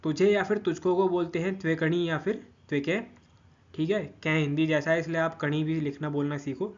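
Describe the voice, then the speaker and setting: A man's voice: on the high side, fairly even intonation, a little fast, dull audio. A man giving a patient grammar lesson, repeating each word form and checking in with listeners often. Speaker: language teacher.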